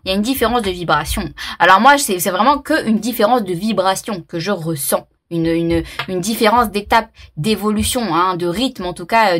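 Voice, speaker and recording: Woman tarot reader, casual to-camera talk, halting, full of fillers and self-laughs. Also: medium pitch, fairly bright tone. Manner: hesitant, many fillers and repeats; laughs at herself.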